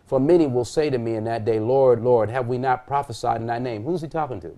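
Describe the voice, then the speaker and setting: Man, middle-aged, pastor, reads scripture, rhetorical questions, mellow dark tone, TV studio. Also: medium pitch, fast talker. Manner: reads scripture aloud, poses rhetorical questions and answers them. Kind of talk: Bible teaching on a TV panel. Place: TV studio set at a desk.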